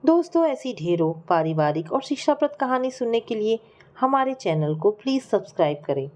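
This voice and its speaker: A woman storyteller reading a family story aloud in a steady, expressive narration. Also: a little high, normal speed.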